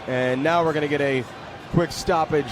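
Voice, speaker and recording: His voice sits on the high side as this man provides live radio soccer commentary from an open-air stadium, speaking at a moderate pace with fairly even intonation. Loud stadium ambience surrounds the noisy outdoor recording.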